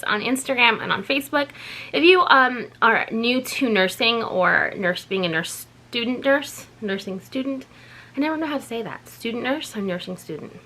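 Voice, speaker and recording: A woman's voice: a little high, sharp tone. A woman in her thirties, a labor and delivery nurse, chatting casually to her vlog audience in a rambling, self-correcting way, tired after a night shift. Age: 30s.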